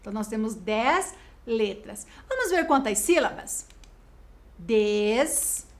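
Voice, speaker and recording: A Brazilian woman teaching a video lesson to schoolchildren, explaining slowly and spelling out words clearly. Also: a little high, big pitch swings. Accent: Brazilian Portuguese.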